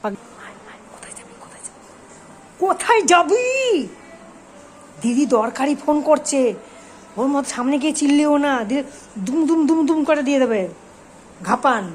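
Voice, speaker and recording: A woman's voice: high-pitched, lively intonation, moderate pace, long pauses, slight background noise. A woman, talking to her pet dogs in coaxing, sing-song baby talk. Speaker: pet vlogger. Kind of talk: casual talk to pets.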